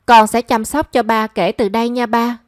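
A woman's voice: a little high, little pitch movement, normal speed, no room sound, studio quality, natural voice. A woman doing a remorseful young daughter. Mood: pleading. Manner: pleading and emotional.

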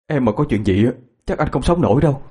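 A man voicing a devoted young man, speaking softly and tenderly. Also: medium pitch, expressive, fast, slightly rough, voice pushed up. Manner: soft, tender pleading.

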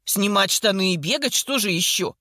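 A woman doing a hoarse, sarcastic older woman. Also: mid-range voice, animated, moderate pace, pushed and bright, dry recording, studio quality. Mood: mocking. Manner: sarcastic, teasing. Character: sharp-tongued older woman in hospital bed.

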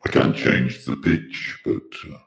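A man talking through a vocal effects box set to a menacing robot voice, slow and mechanical. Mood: flat.

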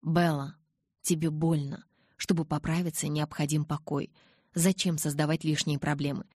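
A gentle, restrained young male vampire from an audiobook, read by a woman. He speaks softly and patiently, in a low, husky voice. The recording is close and dry. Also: flat delivery, normal speed, no echo. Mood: calm.

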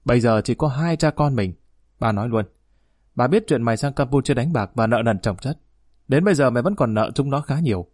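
A man voicing a stern aging father who loudly scolds his grown son in an audiobook reading. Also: mid-range voice, animated, fairly quick, no echo, clean studio sound, natural voice. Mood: scolding. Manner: harsh, scolding, loud. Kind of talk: audiobook narration.

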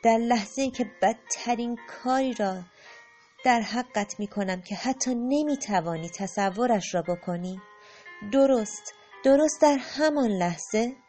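A woman voicing a gentle, loving spirit in an audiobook, speaking calmly and tenderly. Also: fairly high pitch, faint music behind, close to an everyday voice. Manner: calm, tender, unhurried, softening to a hush. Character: gentle, loving spirit who agrees to play the wrongdoer.

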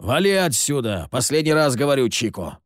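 Ворчливый больной незнакомец, насмешливый и грубый, сыплющий испанскими ругательствами, которого озвучивает мужчина-чтец. Живая, подвижная интонация, сухой звук без эха. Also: male voice, medium pitch, sing-song, moderate pace, no room sound, studio quality, lightly acted. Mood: scornful. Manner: gruff, scornful, curses with Spanish words. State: ill, coughing. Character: sickly, sardonic grown man lurking in the dark.

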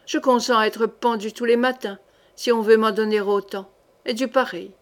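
Here is a rowdy, wine-loving thug from a historical novel, blunt and carefree even before the gallows, as a woman reader puts him on. The voice sits slightly high. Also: moderate pace, natural voice. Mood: brash. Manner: brash, blunt. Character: boisterous, hard-drinking male brute.

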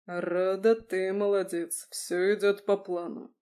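A woman reading a calm immortal vampire doctor. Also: mid-range voice, natural voice. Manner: even, measured tone.

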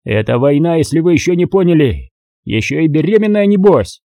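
A man voicing a gruff, exhausted, short-tempered male army commander who barks and swears, with a husky, dark voice. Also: mid-range voice, sing-song, normal speed, no echo. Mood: yelling. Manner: barking, swearing, irritable.

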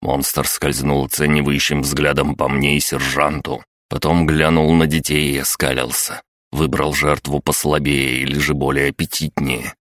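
A man narrating a fantasy audiobook in the first person, calm and measured with a wry edge. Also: very deep voice, no room sound, clean studio sound.

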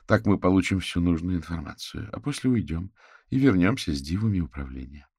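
A man voicing a calm, analytical young woman who explains things in a measured way in an audiobook. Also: deep voice, husky, no room sound, clean studio sound, exaggerated voice. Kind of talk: audiobook character voice.

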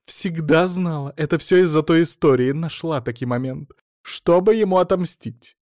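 A fretful, jittery middle-aged woman, as a male narrator puts her on, her voice climbing high and loud whenever she gets worked up. She sounds shrill and anxious, like a gossip in an audiobook, recorded dry and close. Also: moderate pace, no room sound, natural voice. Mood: agitated. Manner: shrill, agitated.

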